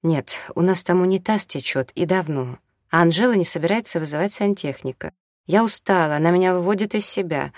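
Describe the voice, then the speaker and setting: A man's voice: high-pitched, fairly quick, no room sound, studio quality, close to an everyday voice. A man voicing a tearful, worn-out young mother. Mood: pleading.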